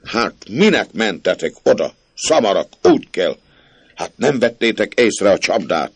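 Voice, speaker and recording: A man reading a story aloud, voicing a cranky, ailing old country gentleman who scolds and thunders. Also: fairly low pitch, big pitch swings, breathy edge, dry recording, heavily acted. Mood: scolding. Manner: scolding, blustering, thundering outbursts.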